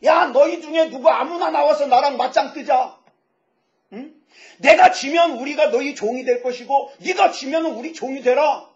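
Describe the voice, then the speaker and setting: A pastor voicing a huge, boastful giant warrior who shouts taunts and mocks his enemies, in a high, dull recording. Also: moderate pace. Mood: taunting. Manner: shouting, mocking. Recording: dull lo-fi sound.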